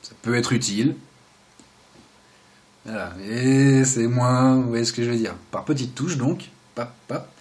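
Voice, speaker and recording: A young man giving a casual, joking video lesson, explaining step by step and often trailing off into quiet asides. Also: mid-range voice, unhurried, long pauses. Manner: chatty, joking asides, drops to quiet mumbles. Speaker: video host teaching sign basics.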